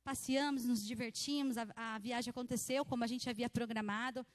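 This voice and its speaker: A middle-aged woman with a Brazilian Portuguese accent, telling a personal story with lively storytelling in a church message, acting out family voices. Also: a little high, a little fast. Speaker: church speaker.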